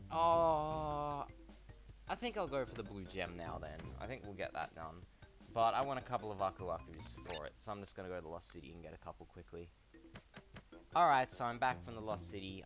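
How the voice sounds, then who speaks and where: A man giving casual gameplay commentary, chatting and thinking aloud, with bursts of excitement. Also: sits low. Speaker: let's play gamer. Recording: dull lo-fi voice with game music behind. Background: video game music.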